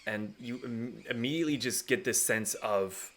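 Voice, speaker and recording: A man's voice: medium pitch, moderate pace, a bit bright. A man narrating a tabletop game as game master in a casual, descriptive way.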